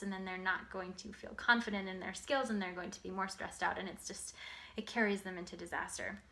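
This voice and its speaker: A woman giving an instructional talk to parents as an early literacy educator, explaining in simple, clear phrases. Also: mid-range voice, a bit bright.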